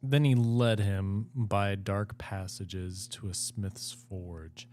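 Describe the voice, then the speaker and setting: Slow relaxed man reading a fairy tale. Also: fairly low pitch, soft background music. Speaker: storyteller reading aloud. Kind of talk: casual fairy-tale read-aloud.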